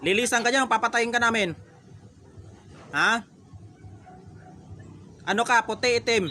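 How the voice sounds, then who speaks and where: A folk healer, a man, interrogates a spirit with blunt, repeated questions. His voice sits high and rings bright and forceful. Faint outdoor noise and passing vehicles hum in the background. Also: unhurried. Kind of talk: confronting a spirit during a healing ritual.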